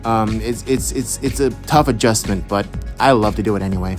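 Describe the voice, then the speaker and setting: Soft music plays behind a young man from Houston, Texas as he quickly answers followers' voice-acting questions in a lowish voice. He rambles casually in this Q&A monologue, leaning on fillers and frequently starting over.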